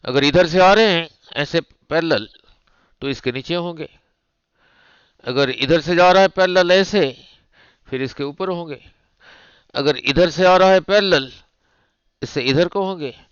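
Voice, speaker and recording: Slow-talking male physics teacher, dull lo-fi audio. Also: fairly high pitch, clean tone, dry recording. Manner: slow, repetitive, checks understanding with rhetorical "nahin?". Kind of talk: classroom lecture at a board.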